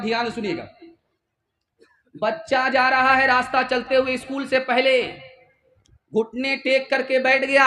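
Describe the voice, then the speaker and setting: A man's voice: very high-pitched, sharp tone. A man preaching a sermon as a mufti, pleading passionately with his audience. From India.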